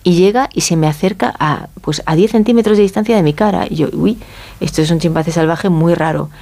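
Low-ish, gravelly and dark, this woman's voice moves at a brisk clip. She is from Galicia and has a Spanish accent from Spain, chatting casually as an interview's expert guest and frequently tacking on tag questions to check the listener agrees.

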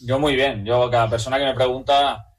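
A young team athlete from Madrid, speaking with a Spanish-from-Spain accent, answers a sports interview casually and restates his phrases. His medium-pitched voice is steady and brisk.

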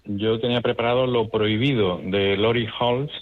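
A man's voice: medium pitch, steady tone, moderate pace. A man calling in as a radio book contributor, speaking hesitantly with restarts. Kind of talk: casual radio chat by phone. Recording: phone line.

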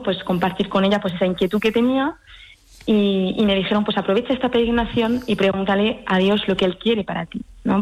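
A woman raised in France, now a nun, recounts her calling in a gentle, thoughtful voice. She talks slowly and reflectively, often hesitating and starting her sentences over. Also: mid-range voice, rough recording. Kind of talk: personal vocation testimony.

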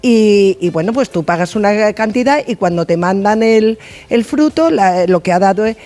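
A woman's voice: medium pitch, animated, moderate pace, warm tone. A woman from the studio audience chats on a radio show, talking hesitantly with many fillers. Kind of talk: casual chat on a radio show.

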